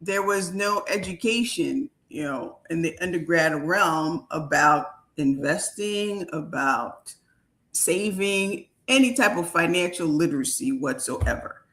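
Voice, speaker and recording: A woman's voice: on the low side, animated, unhurried, a bit bright. A woman from Haiti hosting a live video chat as a wealth coach, talking in an upbeat, emphatic way.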